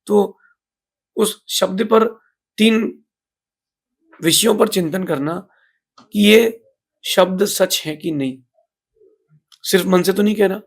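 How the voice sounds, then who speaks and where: Man, monk's sermon, husky voice, emphatic and swelling delivery. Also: high voice, takes it slowly, pauses often. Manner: emphatic, rising and falling in loudness. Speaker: monk giving a discourse. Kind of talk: moral sermon.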